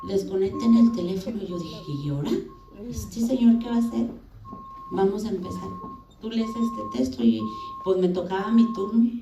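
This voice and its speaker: A woman's voice: mid-range voice, gravelly, dark tone, slight background noise. Woman telling her testimony in an echoey church. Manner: storytelling, acting out both sides of dialogues. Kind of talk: spoken testimony. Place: church hall. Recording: echoey church hall, faint ambience.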